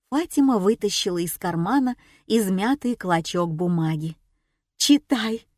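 A woman narrating an audiobook in the first person, with a calm, matter-of-fact reading. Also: fairly low pitch, dry recording, studio quality.

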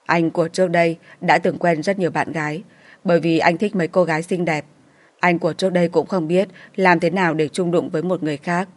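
Low-voiced woman narrating a romance. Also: fairly even intonation, quick pace. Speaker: audiobook narrator.

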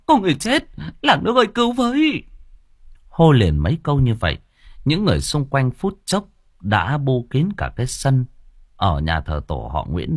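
A man narrating an audio story with a dramatic, expressive storytelling manner. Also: low voice, breathy edge, no echo, clean studio sound.

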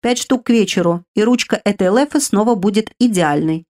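A woman's voice: brisk, a little mellow, close to an everyday voice. A woman voicing a greedy, sleepy little male shoulder spirit who whines and grumbles. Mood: squeaky greedy. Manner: whiny, squeaky, grumbling.

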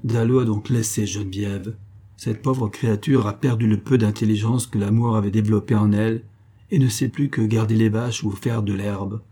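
A man voicing a grieving old male country doctor who tells a sad story in a measured way. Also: on the low side, fairly even intonation, dark tone, slightly rough. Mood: sorrowful.

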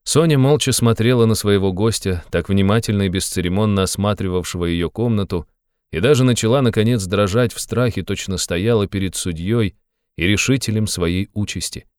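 A man narrating a classic novel as an audiobook, in a measured, even storytelling manner. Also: on the low side, clear, resonant tone, dry recording, clean studio sound.

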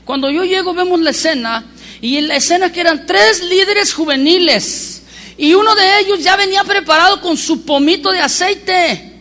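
Guy preaching a sermon, super high bright voice, keeps asking the church rhetorical questions. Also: normal speed. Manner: animated storyteller with rhetorical questions. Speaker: pastor.

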